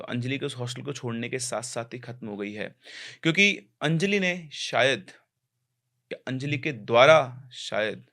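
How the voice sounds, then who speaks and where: A man's voice: medium pitch, fairly bright tone. A man narrating a horror story in a conversational, explaining way, with small restarts.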